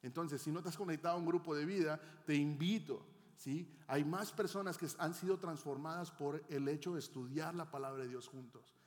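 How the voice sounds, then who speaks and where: A man's voice: on the high side, a little fast, few pauses. A middle-aged male pastor preaching a teaching sermon, often asking the congregation questions. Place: church hall. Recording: long hall reverb.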